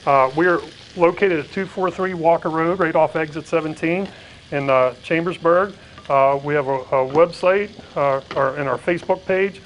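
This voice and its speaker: Middle-aged guy, slightly high voice, lots of ums and "and everything", tv kitchen, faint sizzle behind. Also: normal speed, lo-fi sound, a little hiss or hum. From Pennsylvania. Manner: rambling, many fillers and "and everything". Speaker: restaurant owner, guest. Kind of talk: TV cooking segment interview. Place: studio kitchen set, indoors. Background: faint sizzling of frying food.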